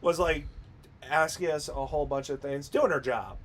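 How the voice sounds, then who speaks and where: Cursing storyteller man, slightly high voice. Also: normal speed, faint music behind. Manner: loose storytelling, heavy cursing, laughs mid-story. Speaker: podcast co-host. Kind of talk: casual chat.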